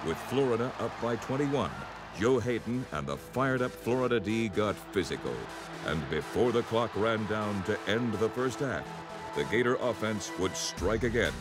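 A man reading scripted narration for a sports season highlight film. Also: animated, normal speed. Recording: loud music under the narration. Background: loud music.

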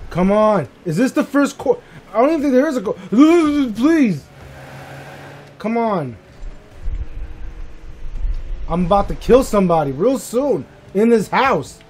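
A man giving live commentary while playing a game, swearing freely and shouting short reactions at his teammates. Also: high voice, animated, unhurried, slightly rough. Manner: profane, exasperated outbursts at teammates. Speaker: gamer.

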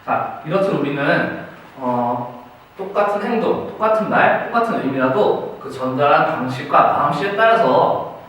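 A man's voice: a little high, lively intonation, moderate pace, a bit bright. A man teaching a class, asking students questions and praising their answers. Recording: very echoey room, distant mic, faint noise.

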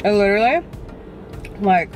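A woman's voice: medium pitch, lively intonation, moderate pace. A young adult woman vlogging casually, bubbly and gushing, filling her talk with "like" and "you guys". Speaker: lifestyle vlogger. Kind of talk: casual vlog chat. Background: background music.

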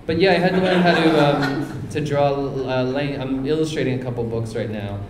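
A man's voice: medium pitch, normal speed, background noise. A man, a comedian guest on a live talk show, telling wry anecdotes and breaking into laughs. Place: theater stage with live audience. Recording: roomy theater.

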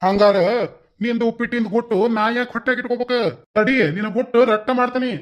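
A man's voice: very high voice, little pitch movement, highs cut off. A man doing a mopey young village lad. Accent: North Karnataka Kannada. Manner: melodramatic complaining, quick outbursts. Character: gloomy young village man, self-pitying. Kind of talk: cartoon comedy voice acting.

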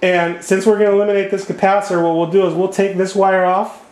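A man's voice: high voice, level tone, quick pace, darkish tone. Man explaining wiring at a whiteboard. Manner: plain step-by-step explaining while drawing. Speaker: HVAC repair instructor. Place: indoor room at a whiteboard table. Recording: echoey room sound.

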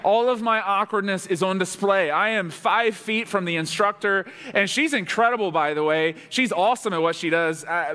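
A male pastor with a high, bright voice. He jokes about himself as he tells a story from the pulpit, lively and full of humor. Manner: animated, self-deprecating storyteller.

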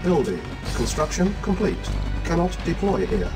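A calm base computer. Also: male voice, a little high, normal speed. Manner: flat clipped status reports. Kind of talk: game announcer lines. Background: loud game music and gunfire.

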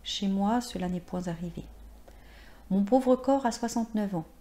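A woman's voice: mid-range voice, moderate pace, dark tone, natural voice. A woman voicing a dreamy, passionate former actress of sixty-nine in a read-aloud short story. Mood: wistful.

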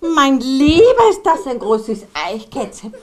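A woman's voice: high voice, very animated, takes it slowly, heavily acted. A woman with an Austrian German accent voicing Kasperl, a merry male puppet jester, chatting to the children in a puppet show. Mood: chatty. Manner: chatty, talks to the children in the audience.

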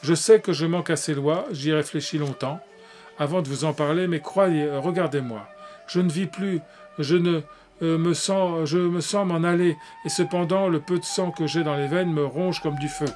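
A pale, heartsick young man pleads with his brother in a storybook reading, voiced by a man. His voice sits a little higher than usual and stays solemn and imploring. Faint music plays behind him. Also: moderate pace, a little mellow, natural voice. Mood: pleading.

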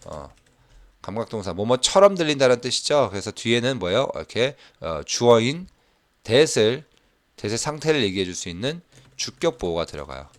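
A man teaching an English class, explaining a textbook dialogue in a chatty way and reading the English example lines slowly with emphasis. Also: medium pitch, sing-song, no echo. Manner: frequent fillers like 자 and 오케이. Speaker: English teacher at a cram school.

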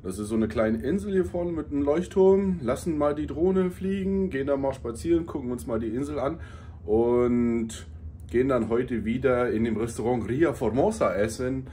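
Male vlogger, 30s, soft warm tone, informal hotel-room piece to camera, slight background noise. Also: mid-range voice, normal speed. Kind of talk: casual vlog talk to camera.

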